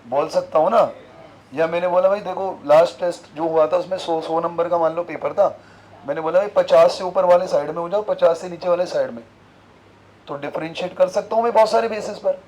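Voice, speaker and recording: A man's voice: on the high side, fairly quick, darkish tone, slight background noise, poor audio. A man teaching a physics class, constantly asking his students questions and repeating the key terms. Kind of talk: classroom lecture.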